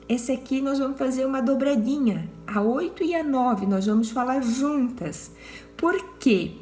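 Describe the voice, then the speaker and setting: A woman's voice: sits high, a little mellow, reverberant, a little hiss or hum. A Brazilian woman teacher giving word clues to children in a recorded lesson, patient and repeating herself. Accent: Brazilian Portuguese.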